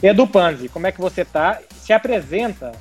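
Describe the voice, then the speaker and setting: A man's voice: high-pitched, animated, brisk, husky, soft background music. A man from hosting a casual sports podcast. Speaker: podcast host.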